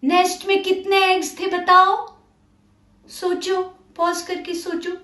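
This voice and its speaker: A woman teaching a literacy lesson, patient and coaxing, repeating words and asking learners to pause and think. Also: extremely high pitch, flat delivery, pushed and bright, roomy sound.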